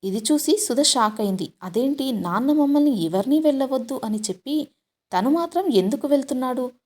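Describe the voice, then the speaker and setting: Woman reading a story out, slightly high voice, steady and dramatic. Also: brisk. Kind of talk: scripted story narration.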